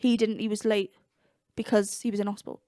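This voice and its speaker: A young woman co-hosting a podcast in casual chat, chatty and quick to laugh. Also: mid-range voice, little pitch movement, warm tone, dry recording, clean studio sound. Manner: chatty, laughs often, swears in asides. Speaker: podcast co-host.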